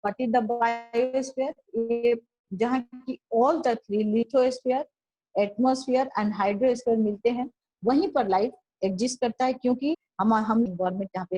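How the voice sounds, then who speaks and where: Woman teacher, slow and deliberate, mellow tone, repeats points for the class. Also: a little high, dry recording, rough recording. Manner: explains slowly, repeats and rephrases; reads English lines slowly, explains them in Hindi. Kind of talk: classroom lesson mixing Hindi and English.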